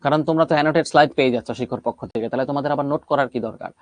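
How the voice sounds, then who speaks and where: A man's voice: medium pitch, rapid-fire, darkish tone, no room sound. A man teaching an English grammar class online, explaining step by step and asking and answering his own questions.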